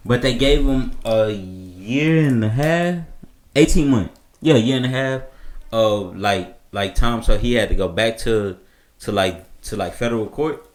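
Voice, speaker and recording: A man co-hosting a podcast, telling a story in a relaxed way with lots of fillers. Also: mid-range voice, a little slow, roomy sound. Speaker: podcast co-host. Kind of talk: casual chat.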